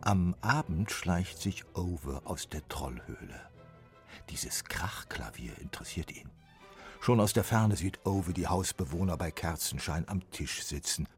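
A man narrating a children's story in a lively, expressive way. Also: low-pitched, a little slow, faint music behind.

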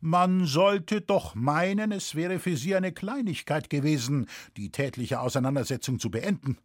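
A man voicing a stern, proper judge who questions in formal, measured speech in a storybook reading. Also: on the high side, lively intonation, no echo, clean studio sound. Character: stern, proper middle-aged male judge.

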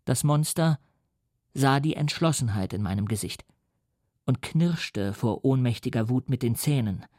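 A man reading a gothic novel aloud in first person, measured and tense. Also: medium pitch, lively intonation, darkish tone, dry recording, clean studio sound. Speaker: audiobook reader. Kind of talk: scripted first-person narration.

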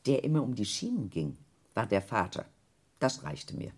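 A woman's voice: very deep voice, very animated, unhurried, a little mellow, husky, heavily acted. An actress playing Rosalie, a dreamy woman who invents whole worlds, in a surreal radio play, musing and half-absent.

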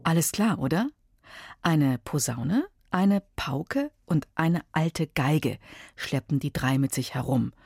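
Low, husky woman talking to kids. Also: expressive, slow pace, darkish tone, dry recording, clean studio sound, faint music behind. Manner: friendly, direct address. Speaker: quiz host for children. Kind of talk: addressing young listeners.

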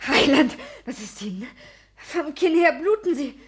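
An actress playing a timid young woman in a radio play, soft and fearful. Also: high-pitched, big pitch swings, normal speed. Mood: alarmed.

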